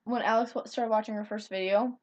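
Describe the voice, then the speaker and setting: A woman's voice: medium pitch, fairly even intonation, fairly quick, a little mellow, dull audio. A young woman from Minnesota with a Minnesota accent, chatting casually in a vlog, giggly and rambling. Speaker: vlogger. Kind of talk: casual chat.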